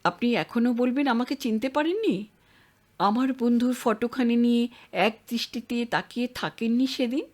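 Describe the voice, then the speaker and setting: A woman's voice: a little high, moderate pace, a little mellow, lightly acted. A woman voicing a persistent young man in an audio story, questioning insistently. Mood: pressing.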